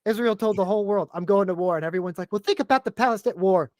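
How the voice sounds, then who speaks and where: A man on a podcast launches into a heated, profanity-laced rant, his voice jumping between loud bursts and quieter asides. The sound is close and dry, with no room around it. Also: high-pitched, very fast, no room sound. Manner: profane, fired-up ranting. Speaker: podcast guest. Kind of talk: casual podcast chat.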